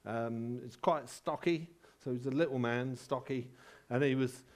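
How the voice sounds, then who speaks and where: A male preacher speaks in an easygoing, chatty sermon voice at a middle pitch. He stops and restarts often and weaves in dry, self-deprecating humour. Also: measured pace, darkish tone. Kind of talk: sermon with personal anecdotes.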